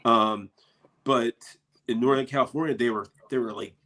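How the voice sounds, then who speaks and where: An American man from the eastern United States, a paranormal investigator and show cast member, chats casually, telling stories in a rambling, laid-back way. His mid-range voice has a sharp tone, fairly even intonation, and a normal speed.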